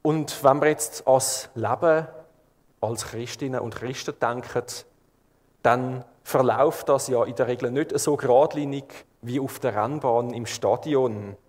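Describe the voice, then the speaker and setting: In a church hall with long reverb, a man preaches at an unhurried, measured pace with a Swiss German accent. His voice is medium in pitch, and he calmly brings scenes to life for the congregation.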